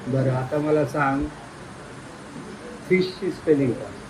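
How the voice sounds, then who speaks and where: A man playfully quizzing schoolchildren, coaxing and teasing them and urging them to speak louder. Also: mid-range voice, unhurried, crowd noise, low-quality recording. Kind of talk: playful classroom questioning.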